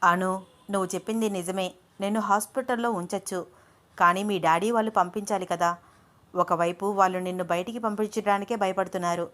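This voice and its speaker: A woman voicing a calm, practical young man who speaks affectionately and reasons things out in an even tone, close to her own voice. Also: mid-range voice, lightly acted.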